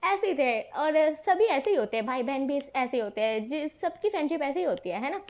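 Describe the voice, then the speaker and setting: Chatty high-voiced woman storyteller. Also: expressive, brisk, a little mellow. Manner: chatty, with many fillers and asides. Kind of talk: casual story narration.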